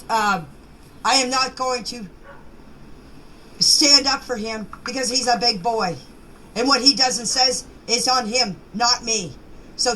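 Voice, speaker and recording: A middle-aged or older woman in a group chat records casual voice messages with a high, bright, forceful tone. She's defensive and insistent, often repeating herself and stumbling over words and names, on a noisy amateur recording.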